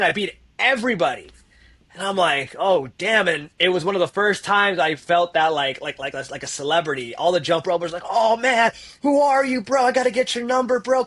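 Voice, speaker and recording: With a high, somewhat bright, slightly rough voice, a man who works as a therapist recounts a personal story on a podcast. He performs the other characters' voices as he goes and leans on fillers such as "like".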